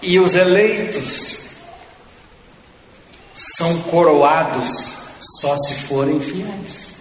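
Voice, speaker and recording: A man preaching a sermon, slow and fervent, rising in force and then falling to a hush. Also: fairly high pitch, slight background noise. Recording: echoey hall with long reverb.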